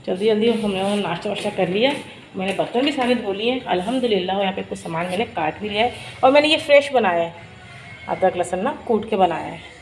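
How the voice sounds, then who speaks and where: Filming a cooking vlog in her kitchen at home, this woman speaks fast at a medium pitch, with slight noise in the background. Her narration is chatty and step-by-step, and she has a sore throat.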